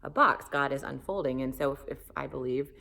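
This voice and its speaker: A woman in her forties from the Southern United States, a pastor speaking candidly in an interview, thoughtful and animated with many fillers. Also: extremely low pitch, fairly quick, creaky. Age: 40s. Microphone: phone camera.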